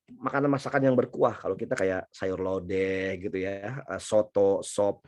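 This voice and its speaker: A man's voice: low voice, steady tone, moderate pace. Chatty Indonesian male lecturer. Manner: chatty, anecdotal, many fillers and restarts. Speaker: university lecturer. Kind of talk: casual classroom lecture.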